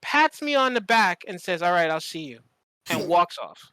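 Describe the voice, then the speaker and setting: A man hosting a podcast tells stories in a casual, animated way, emphatic and profane and repeating phrases for effect. He has a high, sing-song voice with a sharp, clean tone at normal speed, recorded dry.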